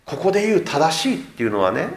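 Animated Japanese pastor preaching in an echoey room. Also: male voice, quick pace. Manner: animated, swings between loud emphatic lines and soft low asides. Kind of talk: sermon.

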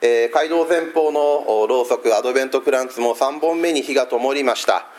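A male pastor giving a church sermon, explaining patiently with frequent hesitant fillers. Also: mid-range voice.

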